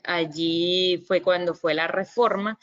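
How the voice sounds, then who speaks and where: A woman's voice: on the low side, steady tone, slow pace. A woman giving a virtual lecture on Mandarin basics, explaining patiently with frequent fillers and sounding out example syllables. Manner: models tones by sounding syllables. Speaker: Mandarin language presenter. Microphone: computer microphone on a video call. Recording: slightly dull lo-fi audio.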